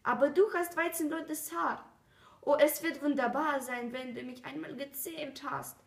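A woman voicing a gentle, curious male fox in a storybook reading, earnest and coaxing, recorded with a roomy echo. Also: high-pitched, a little slow, creaky. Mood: wistful.

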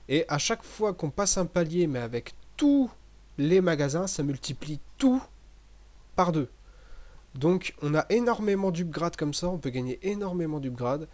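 A man giving relaxed, chatty commentary over a game he is playing, with many fillers and restarts. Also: fairly high pitch. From French-speaking. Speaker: gaming commentator. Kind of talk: casual gameplay commentary.

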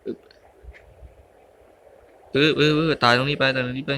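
Young man, gaming commentary, muttering and grunting, bright forceful tone, light background noise. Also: mid-range voice, little pitch movement, normal speed. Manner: mutters and grunts while playing, exclaims at mistakes. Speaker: gaming YouTuber. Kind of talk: casual let's-play commentary.

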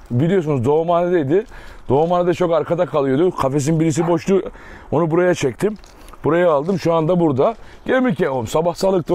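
A man's voice: on the high side, mellow. A man vlogging casually from an outdoor dog yard, chatting to viewers and coaxing and teasing his dogs. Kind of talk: casual vlog talk to viewers. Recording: outdoor clip with noise and barking.

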